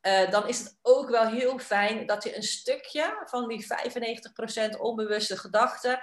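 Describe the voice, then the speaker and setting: A woman's voice: on the high side, fairly even intonation, normal speed. A woman podcast host who interviews her guest, talking hesitantly with many fillers. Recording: roomy echo.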